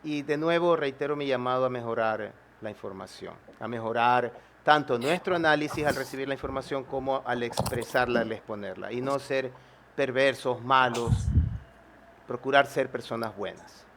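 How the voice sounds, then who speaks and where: A man's voice: mid-range voice, normal speed, fairly bright tone, a little hiss or hum. A man hosting a live stream, talking persuasively and repeating phrases for emphasis.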